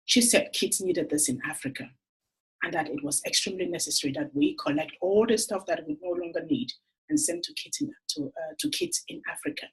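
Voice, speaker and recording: Very husky woman, lively. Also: fairly low pitch, fairly quick, low-quality recording. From Cameroon. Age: 40s. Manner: earnest, heartfelt storytelling. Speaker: entrepreneur making a funding appeal. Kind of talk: personal appeal to camera.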